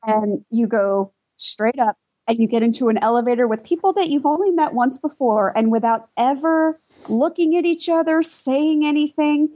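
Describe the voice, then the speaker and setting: A giggly woman on a podcast tells a party story, her voice pitched a little high. The recording is dull and lo-fi. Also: moderate pace, warm tone. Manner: giggly, laughs through her stories. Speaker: podcast co-host. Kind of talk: casual storytelling chat. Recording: dull lo-fi sound.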